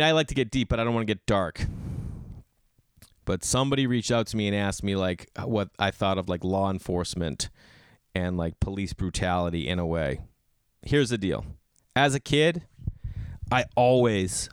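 A man's voice: fairly low pitch, clear, resonant tone, dry recording, clean studio sound. A man hosting a solo podcast in a casual, opinionated rant, blunt and emphatic, with bro-style slang and swearing. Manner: rhetorical questions answered by himself. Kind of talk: casual ranting monologue. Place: garage.

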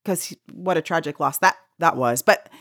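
A middle-aged woman co-hosting a casual podcast chat, animated, laughing a lot and swearing freely. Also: sits low, moderate pace, no echo, studio quality. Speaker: co-host.

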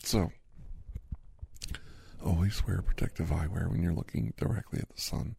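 A man's voice: deep voice, moderate pace, creaky, dark tone, a little hiss or hum. A man doing a whispered role-play as a chatty doctor in his fifties who gives a massage, rambling easily in a half-whispered voice. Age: 50s. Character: chatty fifty-something male doctor giving a massage. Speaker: ASMR host.

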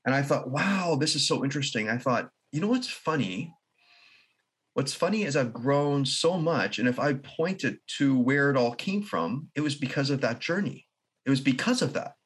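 A man who is a guest in an interview, telling a long personal story in an earnest, halting way with restarts and soft laughs. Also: mid-range voice, lively intonation, breathy edge. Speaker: podcast guest.

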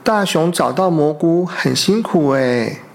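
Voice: mid-range voice, animated, vocal fry. A storyteller, reading a picture book aloud to young children and asking them questions. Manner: slow, gentle, asks the children questions.

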